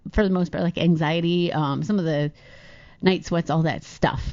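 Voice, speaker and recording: A woman in her late forties co-hosts a casual podcast, talking candidly and chattily about her own life and laughing easily. Her voice is on the low side and a little mellow. The lo-fi recording has no echo.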